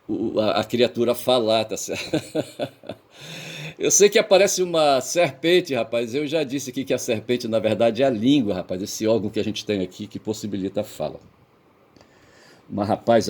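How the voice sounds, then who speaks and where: A man with a Brazilian Portuguese accent and a somewhat low voice talks in a rambling, lecturing vlog monologue. He keeps checking in with "tá certo?" and "sabe?", letting his phrase endings fade, with the odd casual curse. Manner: digressive, peppered with "tá certo?" and "sabe?", trailing off quietly at phrase ends. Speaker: vlogger.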